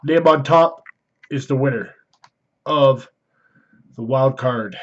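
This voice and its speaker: A man hosting a card break with casual live commentary, announcing items in an enthusiastic, drawn-out way. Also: medium pitch. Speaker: host of hockey card box breaks. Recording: dull, lo-fi microphone.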